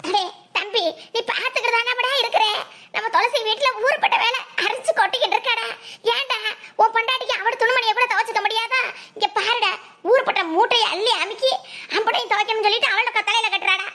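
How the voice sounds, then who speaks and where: A woman's voice: extremely high pitch, fast, bright, forceful tone. A woman with a Tirunelveli accent, voicing a cartoon story and pleading and scolding by turns. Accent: Tirunelveli Tamil. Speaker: cartoon narrator and voice artist. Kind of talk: cartoon voice acting.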